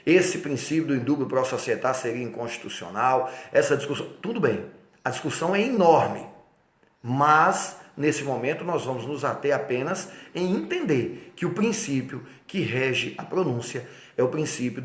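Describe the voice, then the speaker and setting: A man's voice: medium pitch, roomy sound. A man with a Brazilian Portuguese accent giving an exam-prep law lecture, stressing key points and checking in with rhetorical questions. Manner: emphatic, repeats key points, asks rhetorical check-ins.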